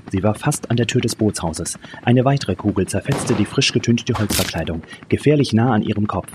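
A man's voice: fairly low pitch, background noise. A man reading a thriller audiobook in tense, dramatic scripted narration. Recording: narration over music. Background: music.

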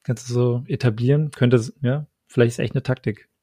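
A man's voice: medium pitch, fairly even intonation, moderate pace, warm tone, slightly rough, no room sound, clean studio sound. A man in casual conversation who listens and jokes and teases. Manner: teasing, joking listener.

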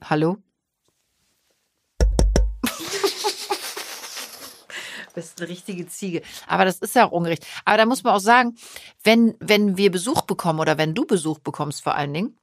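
A woman's voice: fairly low pitch, lively intonation, normal speed, pauses often, a little hiss or hum. A middle-aged woman, a mother, chatting casually with her daughter and teasing her with frequent laughs. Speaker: mother and podcast co-host. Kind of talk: casual family chat.

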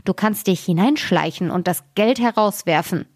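A woman's voice: medium pitch, normal speed, no echo, clean studio sound, natural voice. A woman voicing a brash male forest robber in a storybook, calling out.

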